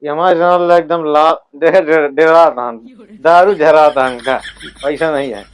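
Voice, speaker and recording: A man's voice: on the high side, steady tone, a little slow, clear, resonant tone, natural voice. A man with an Awadhi accent playing a rambling, shameless town drunk husband in a village comedy sketch. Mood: pleading, tipsy. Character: shameless drunkard village husband selling his in-laws' buffalo. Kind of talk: rural comedy sketch acting.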